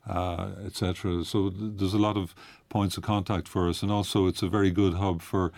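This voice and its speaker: A man with a deep, low voice who speaks as an interview guest. His answers are hesitant, full of fillers and restarts. The recording is close and dry, in a studio. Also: level tone, fairly quick, a little mellow, no echo. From Ireland. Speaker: guest, head of communications. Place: radio studio.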